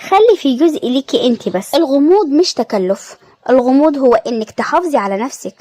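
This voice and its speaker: A woman with an Egyptian Arabic accent giving scripted self-help narration in calm, measured short phrases. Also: high voice, no echo.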